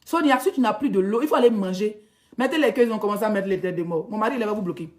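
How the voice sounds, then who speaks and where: A woman's voice: medium pitch, rapid-fire, a little mellow. A woman blogger with an Ivorian French accent, ranting in a heated, mocking vlog monologue. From Ivory Coast. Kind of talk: ranting social media vlog.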